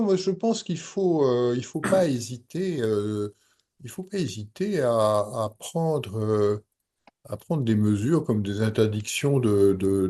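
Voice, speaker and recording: A man's voice: mid-range voice, mellow. A man answering on a conference panel, emphatic and repeating words as he searches. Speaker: panel speaker.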